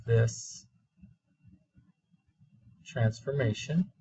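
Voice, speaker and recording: Slow deliberate male math teacher. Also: mid-range voice, expressive, dark tone, slightly rough, highs cut off. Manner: slow, deliberate, stretching key words. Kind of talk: classroom math lesson.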